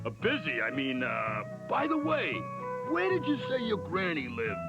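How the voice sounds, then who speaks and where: An actor playing a sly, hungry, excitable male wolf in a cartoon, heard from a worn tape copy. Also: on the high side, moderate pace. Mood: gloating. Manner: gleeful, wheedling, cackling. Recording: dull worn VHS tape with music behind.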